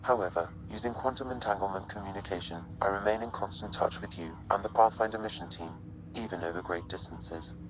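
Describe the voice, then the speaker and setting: Deep computer-processed ai guy in a game, calm and precise, flat formal way of talking. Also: noisy background. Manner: measured, formal, unemotional delivery. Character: calm male artificial intelligence, precise and literal. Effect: computer-processed synthetic voice. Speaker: ship's AI companion. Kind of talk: video game voice acting.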